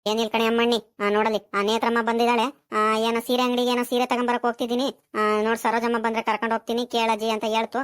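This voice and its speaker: A kindly old grandmother from a village cartoon, talking fast and coaxing with drawn-out fillers, as a woman puts her on. Her voice sits a little high for an older woman. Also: little pitch movement, smooth, lightly acted. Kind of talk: cartoon voice acting.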